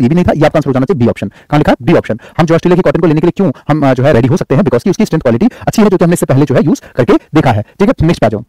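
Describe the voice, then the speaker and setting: Indian man teaching an online class, quick-paced and slightly high voice, close dry mic, faint music under him. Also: dark tone, dry recording, rough recording. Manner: explains in Hindi, reads English passages slowly and deliberately; addresses students as beta, frequent "theek hai". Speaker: English teacher.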